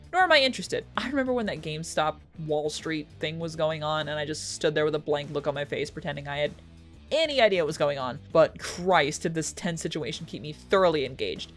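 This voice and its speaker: Young woman ranting about movies, swears a lot, sarcastic, voice bouncing all over. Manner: animated, pitch jumps for jokes. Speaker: film reviewer. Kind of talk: casual chat.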